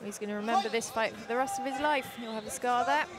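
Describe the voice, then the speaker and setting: A woman co-commentating on a live kickboxing bout. Her voice sits high, heard over a roaring arena crowd. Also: quick pace, heavy background noise. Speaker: fight co-commentator. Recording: loud arena crowd behind.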